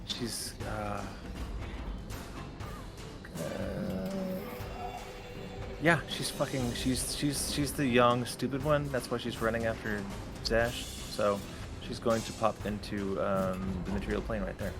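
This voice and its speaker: A man with a low voice running a tabletop game, talking in a rambling, hesitant way with lots of "um"s and casual swearing. Music plays clearly behind him. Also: slow pace, long pauses. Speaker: game master.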